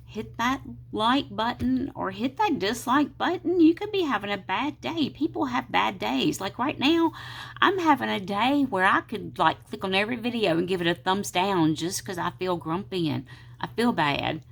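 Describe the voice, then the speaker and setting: A planner vlogger talks to her viewers from her desk at home, sick and congested with a sore throat. Her gravelly voice is animated and moves at a moderate pace, yet she sounds tired, low on energy, and given to rambling in this casual vlog chat.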